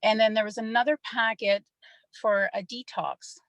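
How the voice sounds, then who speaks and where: A woman's voice: on the high side, steady tone, normal speed, no room sound, rough recording. A middle-aged woman, somewhat nervous, giving a personal testimonial on a group call.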